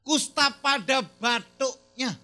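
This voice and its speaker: Middle-aged preacher guy, high bright voice, jokey and animated, keeps quizzing the crowd. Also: takes it slowly, soft background music. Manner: animated, teasing, mixes in Manado dialect phrases and English words. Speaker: pastor. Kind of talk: lively sermon with jokes and audience questions.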